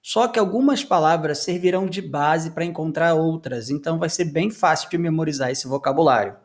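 A man teaching English vocabulary, reading each word and repeating it slowly for learners. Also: fairly high pitch. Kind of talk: vocabulary lesson with slow repetition.

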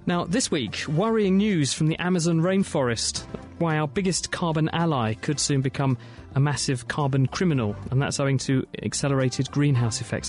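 A British man hosting a science radio show, presenting scripted material in a bright, curious, explanatory way. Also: medium pitch.

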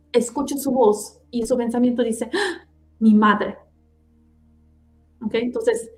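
A woman with a fairly high voice, telling a past-life reading in slow, searching phrases. She keeps pausing and checks in with her listener. Faint music plays underneath. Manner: speaks in halting, searching phrases, often checking in with "¿sí?". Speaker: clairvoyant guest.

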